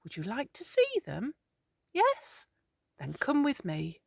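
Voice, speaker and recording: Storybook figure: a kindly old-soul woodpecker, soothing and slow, read by a woman. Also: high voice, wildly swooping pitch, creaky, husky, no room sound, studio quality, pitched above the performer's own voice, full character voice. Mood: reassuring. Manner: soft, kindly, reassuring. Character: wise gentle woodpecker, male.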